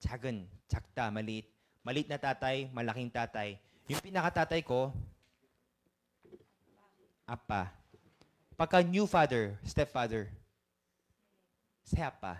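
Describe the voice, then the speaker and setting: A man's voice: mid-range voice, normal speed, pauses often. A man teaching a casual language lesson, explaining words step by step and asking his learners questions. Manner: explains terms in mixed Tagalog and English, asks learners questions.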